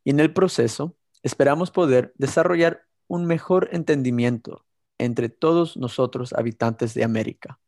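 A young man in his 20s, born in Ecuador and raised in California, co-hosts a podcast, moving from a scripted intro into casual chat. His voice is mellow and medium-pitched, at a moderate pace.

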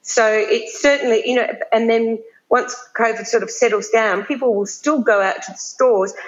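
A woman's voice: fairly high pitch, fairly even intonation, normal speed. A woman answers as a podcast guest in a conversational way. The recording is a little dull and lo-fi. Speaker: podcast guest, beauty brand merchant. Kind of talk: conversational interview. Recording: slightly dull, lo-fi audio.

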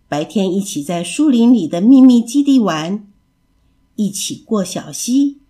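A woman storyteller reading a children's story aloud in an expressive, animated way. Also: mid-range voice.

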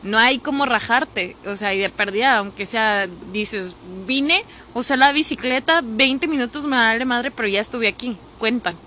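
A woman's voice: fairly high pitch, moderate pace, hardly any pauses, sharp tone, a little hiss or hum. A woman with a Mexican accent talking casually in a candid, rambling personal monologue, feeling unwell and tired, swearing now and then. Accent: Mexican Spanish. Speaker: podcast host.

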